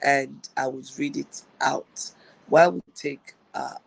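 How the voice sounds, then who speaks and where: A woman's voice: rumbling low, steady tone, slow pace, creaky, slightly rough, no echo, rough recording. A woman coach hosting a live-streamed talk show, addressing viewers directly and repeating her key phrases. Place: live online broadcast on a slow connection.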